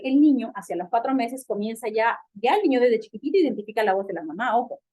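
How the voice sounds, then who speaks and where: A woman's voice: a little high, a little mellow. A woman doctor with a Peruvian Spanish accent, giving a medical lecture and asking and answering her own questions. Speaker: physical medicine doctor lecturing on child development.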